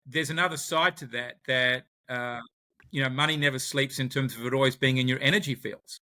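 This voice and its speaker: An Australian man appears as a podcast guest in a conversational interview. His medium-pitched voice is brisk, pushed and bright, and he often repeats words while searching for the right phrasing.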